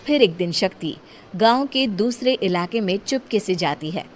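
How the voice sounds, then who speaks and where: A woman's voice: medium pitch, lively intonation, moderate pace. Woman narrating a story over music.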